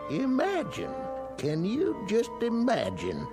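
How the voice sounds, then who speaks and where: A wistful frontier widower type in old radio show style. His voice is fairly high and very swoopy, drawn out slowly in sentimental exclamations. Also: wildly swooping pitch, exaggerated voice. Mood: yearning, awed. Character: sentimental, lovelorn Old West townsman. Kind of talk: old-time radio drama acting. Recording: loud music under the voice.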